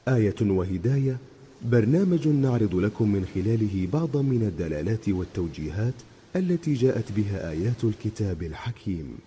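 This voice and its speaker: A man's voice: fairly low pitch, big pitch swings, a little fast, mellow, a little hiss or hum. A man announcing a radio programme from a script in formal standard Arabic.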